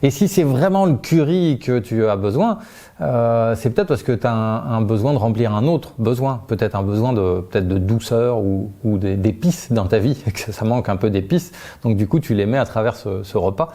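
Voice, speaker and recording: A man's voice: fairly low pitch, normal speed, mellow. A man teaching a communication method in an informal, spontaneous way, with frequent fillers and restarts, lifting his voice as he announces each step. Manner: informal, uses tu, many fillers and restarts, laughs lightly. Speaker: communication trainer. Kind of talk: spontaneous explanatory talk.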